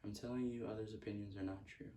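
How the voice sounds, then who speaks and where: A man's voice: on the low side, fairly even intonation, quick pace, dark tone, far from the mic. A man giving a motivational self-help talk, repeating earnest affirmations. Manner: earnest, repetitive affirmations with stray laughs. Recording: echoey room, speaker off-mic.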